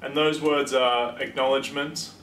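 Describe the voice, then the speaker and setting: A man giving a measured, deliberate interview answer. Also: medium pitch, steady tone, a bit bright, slight background noise. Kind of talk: casual spoken interview answer. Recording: roomy, distant mic.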